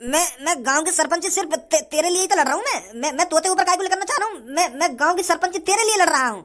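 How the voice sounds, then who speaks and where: A scheming male village election candidate from a cartoon, persuasive one moment and stammering the next, voiced by a woman. The voice is very high. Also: moderate pace, pushed and bright. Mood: nervous. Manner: stammering when cornered, persuasive with crowds. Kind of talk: cartoon voice acting.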